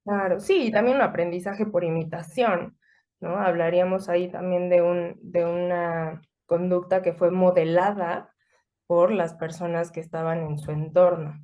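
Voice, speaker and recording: A woman explaining a clinical case in a measured way, with frequent fillers. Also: fairly low pitch, fairly even intonation, warm tone. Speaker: psychotherapist guest.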